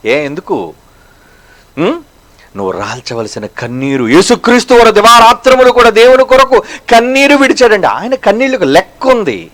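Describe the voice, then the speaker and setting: A man preaching a sermon as a pastor, firing rhetorical questions at the listeners. He slows down for emphasis and swings between loud and hushed. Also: high voice, animated.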